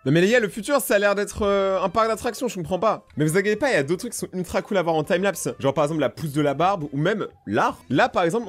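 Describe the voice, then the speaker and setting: A young man hosting a reaction video, joking and talking straight to his viewers. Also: on the high side. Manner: jokey, animated, addressing viewers directly. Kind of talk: casual reaction commentary.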